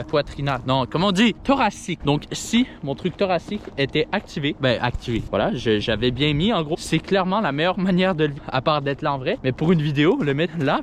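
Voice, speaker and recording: A young man vlogging on his own as he walks outdoors at night, rambling excitedly to an action camera with bursts of shouting. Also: a little high, slight background noise. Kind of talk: casual solo vlog to camera. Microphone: action camera mic.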